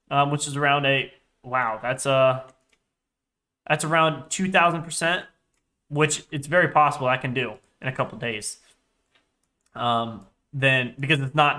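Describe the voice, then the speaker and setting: Higher-pitched young man muttering through trades. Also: sharp tone. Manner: restless, sweary, muttering to himself as he scans charts. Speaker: day trader livestreamer. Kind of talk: casual live trading commentary.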